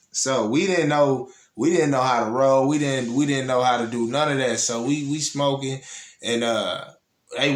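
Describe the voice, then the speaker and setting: Laid-back man telling stories in a roomy space. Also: mid-range voice. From Toledo, Ohio, US. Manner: rambling and laid-back, often adds "you know what I'm saying". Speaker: host. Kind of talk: casual personal storytelling. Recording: roomy echo.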